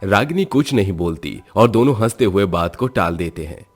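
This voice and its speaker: A man narrates a cartoon storybook in a steady, even delivery. His voice is very low and deep. Soft music sits quietly behind him. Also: normal speed, husky.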